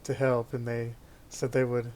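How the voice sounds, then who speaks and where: Man as a slow, solemn, earnest ghost. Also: medium pitch, monotone, darkish tone, a little hiss or hum, close to an everyday voice. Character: earnest ghost of a giant's son, pleading.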